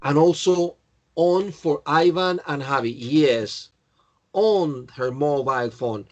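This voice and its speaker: Slow-talking teacher. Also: male voice, a little high, lo-fi sound. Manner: slow, patient, correcting students by name. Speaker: English teacher. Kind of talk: online class, checking answers.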